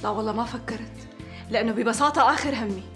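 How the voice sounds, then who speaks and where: Brief: actress playing a rapid-fire, high-voiced Syrian widow standing her ground. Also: fairly bright tone, soft background music, close to an everyday voice. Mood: defiant. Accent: Syrian Arabic. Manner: argumentative, defiant. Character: young widow, defiant and sharp-tongued.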